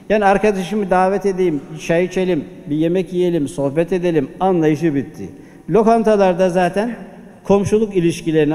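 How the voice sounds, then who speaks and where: A man's voice: high voice, dark tone. A man preaching a Friday sermon at a pulpit microphone, exhorting the congregation with rhetorical questions. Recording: long hall reverb.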